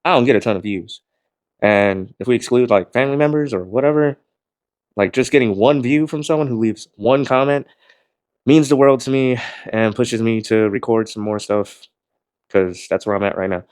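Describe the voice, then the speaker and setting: A man vlogging casually to camera about gym shirts, talking in a rambling, laid-back way, swearing now and then, with a voice he calls monotone. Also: medium pitch, normal speed, smooth, no room sound, studio quality. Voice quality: calls his own voice monotone.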